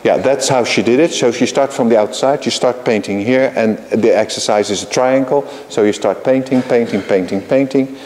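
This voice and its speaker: A man giving a live keynote lecture, talking in a halting way with frequent restarts and repeated words, and checking in with his listeners. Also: fairly low pitch, a little mellow. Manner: explains patiently, checks in with the audience. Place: conference hall. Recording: long hall reverb.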